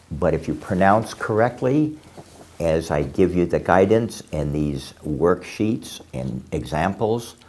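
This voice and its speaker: A man teaching English pronunciation to a class, explaining slowly and deliberately with frequent pauses and fillers. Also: a bass voice, darkish tone. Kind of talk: classroom lesson.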